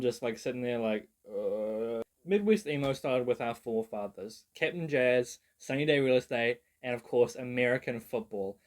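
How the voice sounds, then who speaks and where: A young man from New Zealand, a video creator, breaks down a music genre casually in a loose, rambling vlog style. His medium-pitched voice is a little mellow, and he's self-mocking, swears freely and uses "like" constantly as a filler.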